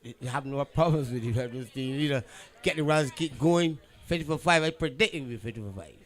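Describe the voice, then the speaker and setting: A man's voice: medium pitch, fairly quick. A man giving casual, bantering cricket commentary, colloquial and emphatic, often repeating himself.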